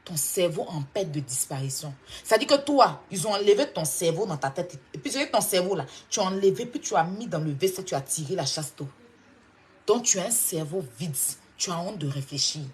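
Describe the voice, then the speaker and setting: A woman from Côte d'Ivoire with an Ivorian French accent, delivering a confrontational, mocking monologue that swings from loud outbursts to low scolding. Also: expressive, brisk. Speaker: online commentator. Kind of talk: heated clash monologue.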